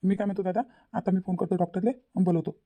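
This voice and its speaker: A voice actor playing a young, worried son in a cartoon, calm and reassuring. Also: medium pitch, quick pace, lightly acted.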